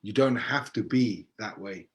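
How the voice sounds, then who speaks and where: A man's voice: on the low side, measured pace. A man interviewing, speaking emphatically and motivationally with rhetorical questions. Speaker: interviewer and coach. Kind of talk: conversational interview.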